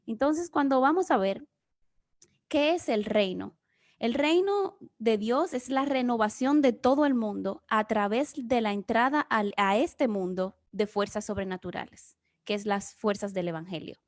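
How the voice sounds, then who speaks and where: With a fairly high, animated voice at a measured pace, a woman from the Dominican Republic guest-teaches the Bible earnestly and explanatorily. Her accent is Dominican Spanish, and she's on a remote video session.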